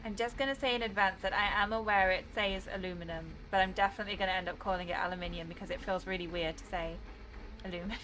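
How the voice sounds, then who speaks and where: A woman's voice: mid-range voice, steady tone, fast talker, few pauses, fairly bright tone, low-quality recording. A British woman chatting casually while streaming a game, rambling and laughing often. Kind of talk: casual gameplay commentary.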